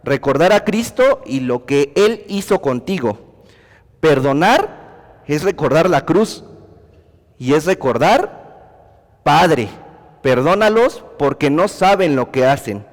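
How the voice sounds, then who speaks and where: Pastor preaching in a reverberant hall. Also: male voice, on the high side. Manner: storytelling, acts out dialogue in quoted voices. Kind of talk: sermon.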